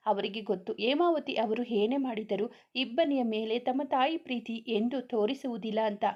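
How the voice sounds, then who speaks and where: A woman with a Kannada accent narrating a serialized romance story in a steady reading voice. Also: fairly high pitch, highs cut off.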